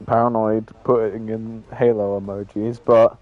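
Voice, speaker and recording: A man's voice: fairly low pitch, little pitch movement, unhurried, dry recording, dull audio, soft background music. A man hosting a sim racing league stream, reading results and chatting with drivers in a loose, filler-heavy way. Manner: filler-heavy, rambling, frequent "I mean". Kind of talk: casual post-race interview.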